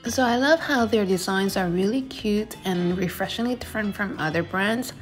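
A woman's voice: mid-range voice, moderate pace, faint music behind. A young woman narrating a casual shopping vlog in a chatty, descriptive way. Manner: chatty, descriptive, reviewing products. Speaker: vlogger.

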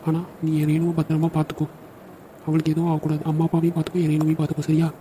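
A quick-talking young man in a cartoon, a caring brother and loyal friend, as a man voices him. His voice sits a little high but sounds very dark and mellow, and he talks with a brotherly, teasing ease. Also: completely flat delivery, slight background noise, lightly acted, low-quality recording. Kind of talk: cartoon dialogue acting.

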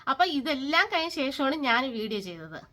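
High bright-voiced woman ranting bitterly. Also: sing-song, brisk. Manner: bitter, sarcastic, scolding. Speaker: vlogger. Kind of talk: angry personal vlog rant.

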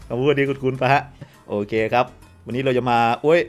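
A man with a slight cold giving excitable gameplay commentary to viewers, often exclaiming and repeating words. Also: medium pitch, normal speed, faint music behind. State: has a cold, voice sounds odd. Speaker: game streamer.

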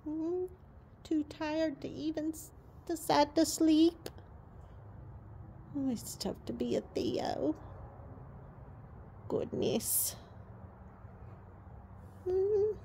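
A woman, a horse owner, filming her horse with a handheld phone in a barn aisle and talking to him in cooing baby talk, sometimes dropping to a soft whisper. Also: high-pitched, drawn-out words, long pauses, slight background noise. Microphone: handheld phone camera.

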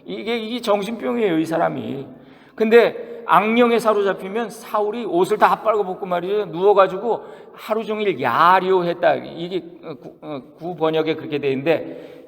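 A man's voice: high-pitched, creaky. A man preaching a sermon as pastor, talking conversationally with the congregation, asking them questions and acting out the quotes he tells. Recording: long reverb of a church hall.

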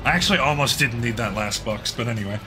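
An Australian man with a hoarse voice gives casual, excitable gameplay commentary, swearing freely and talking to himself as he plays. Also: medium pitch, fast. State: hoarse, losing his voice. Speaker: gaming channel host. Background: game music.

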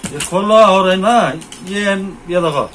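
Slow and high, with a fairly bright tone, this middle-aged man from India casually presents fishing gear to a camera indoors in a small, cluttered shop. He points things out and says the same points more than once, and the rough recording has a little background noise.

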